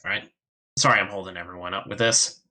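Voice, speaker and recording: A man's voice: low voice, expressive, fast, creaky, sharp tone. A man playing a tabletop role-playing game, talking casually and speaking for his character.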